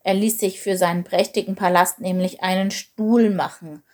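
A woman voicing a gentle, wise old female elephant who tells stories in a storybook reading, calm and measured. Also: medium pitch, lightly acted. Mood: telling.

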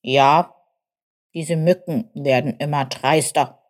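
A woman voicing a grumpy old male buffalo who mutters and grumbles slowly. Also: deep voice, fairly even intonation. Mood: grumbly.

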